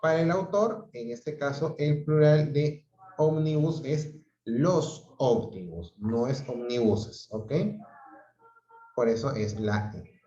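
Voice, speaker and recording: Slow, patient male teacher on a video call. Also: a little high, warm tone, slight background noise. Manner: explains patiently, checks in with "¿ok?" and "¿no?". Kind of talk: online grammar lesson. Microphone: video call audio. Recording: roomy, dull lo-fi video call sound.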